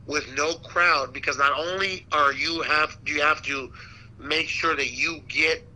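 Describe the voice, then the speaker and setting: A man speaks in a very bright, forceful voice that sits a little high. He is an interview guest chatting casually, with slangy, animated storytelling and the loose phrasing of someone talking shop. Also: a little slow, poor audio. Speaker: boxing ring announcer, interview guest. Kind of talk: casual chat.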